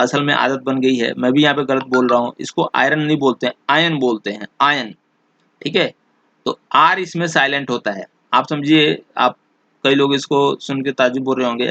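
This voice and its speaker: Man slowly explaining an English exam. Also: mid-range voice, fairly even intonation, fairly bright tone, dry recording, highs cut off. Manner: slow, drawn-out reading of English example sentences; explains in Hindi, keeps checking back with "theek hai". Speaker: teacher. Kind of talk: exam question walkthrough.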